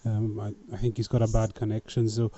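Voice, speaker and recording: A man's voice: on the low side, monotone, brisk, dark tone, breathy edge, no echo. A man with a thick Scottish accent hosting an informal live panel chat over an online call. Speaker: host of a live panel show. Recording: muffled online call audio.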